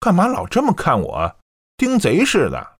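A woman voicing a defensive young husband who bluffs and mutters, in a lowered voice. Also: wildly swooping pitch, moderate pace, husky, exaggerated voice.

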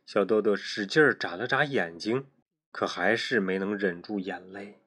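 A father reading a children's story aloud with an expressive, animated delivery. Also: on the low side, normal speed, breathy edge.

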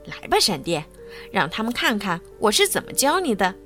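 A woman's voice: medium pitch, sing-song, moderate pace, fairly bright tone, faint music behind. A woman voicing an eager, cocky male tow truck who brags for his friend. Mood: boastful. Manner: eager and defiant.

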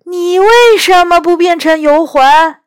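A woman reading a children's story, voicing a hot-tempered beast head that shouts and refuses to share. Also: very high voice, takes it slowly, no room sound, studio quality, voice pushed up. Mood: angry. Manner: shouting, defiant.

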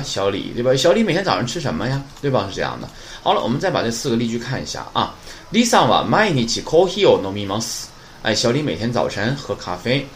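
A man who speaks Chinese natively gives a Japanese grammar lesson in Chinese, quoting Japanese words and sentences while frequently checking with students through "对吧" and "哎". His voice is mid-range, and the recording has a little hiss or hum.

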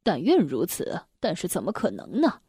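A woman reading a children's story, lowering her voice to play a polite, mild shopkeeper man. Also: wildly swooping pitch, normal speed, mellow, breathy edge, no echo, studio quality, full character voice. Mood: calm. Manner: low, mild and courteous.

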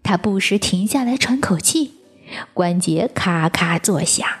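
Slow breathy woman reading a picture book. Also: lowish voice, lively intonation, faint music behind. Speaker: storyteller.

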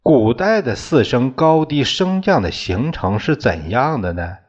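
A man teaching a class in a slow, deliberate way, often restating his terms. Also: mid-range voice, very animated. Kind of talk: lecture on classical poetry tones. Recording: dull lo-fi recording.

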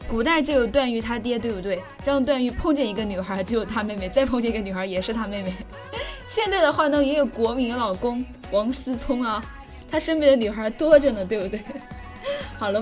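A young woman hosting a casual talk show, chatty and teasing, often asking listeners if they agree. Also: mid-range voice. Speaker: host.

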